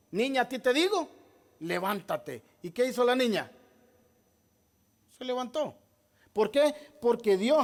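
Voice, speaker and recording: Male pastor, very high-pitched, emphatic sermon delivery that keeps questioning the congregation. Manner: repeats key phrases, addresses listeners as brother.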